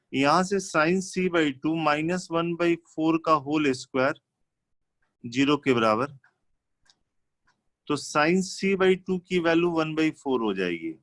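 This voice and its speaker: A man from India teaches maths live, working through problems step by step in an instructional way and mixing English technical terms into his speech. His voice is a little high and fairly bright, with no echo.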